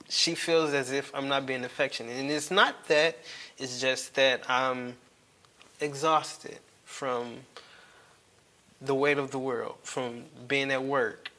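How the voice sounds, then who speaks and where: A male guest talks at an unhurried pace. His voice is bright and clear. He sounds earnest and reflective. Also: medium pitch. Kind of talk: interview conversation.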